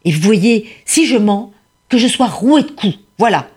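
A woman voicing a poor male woodcutter in a storybook tale, earnest and deferential, bowing low with his words. His voice sits low and husky. It is the same teller's voice, barely changed for him. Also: animated, unhurried, darkish tone, heavily acted. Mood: desperate pleading. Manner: earnest and deferential, addressing a tigress as royalty. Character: humble grateful male woodcutter, poor and devoted.

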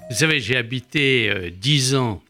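Older man, radio guest, bright forceful voice, pauses with fillers. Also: medium pitch, animated, faint music behind. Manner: hesitant with frequent "euh", explanatory. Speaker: former diplomat guest. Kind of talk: radio interview.

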